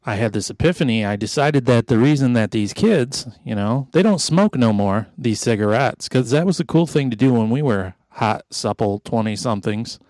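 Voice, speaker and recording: A man's voice: mid-range voice, expressive, moderate pace, few pauses, a little mellow, dry recording. A middle-aged man hosting an improv comedy podcast, rambling along in a jokey, mock-sentimental way. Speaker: podcast host.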